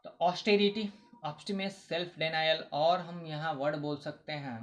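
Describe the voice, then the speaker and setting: A man's voice: on the high side, fairly even intonation, moderate pace, fairly bright tone. Male tutor, casual lesson, asks and answers his own questions. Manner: repetitive, asks questions then answers them. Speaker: vocabulary teacher. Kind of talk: casual Hindi vocabulary lesson.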